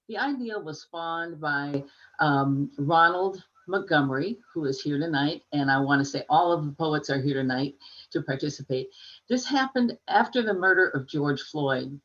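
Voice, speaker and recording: An older woman, a poet, introducing a poetry reading over a video call in a gracious, measured way. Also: low-pitched, dull audio. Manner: gracious, measured, with small restarts. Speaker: poet and co-host.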